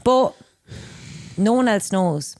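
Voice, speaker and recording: A woman's voice: medium pitch, slow, dry recording. A young Irish woman co-hosting a casual podcast, telling crude, rambling stories with a laugh. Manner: lively storyteller, crude banter, frequent laughs. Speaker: podcast co-host. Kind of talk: casual chat.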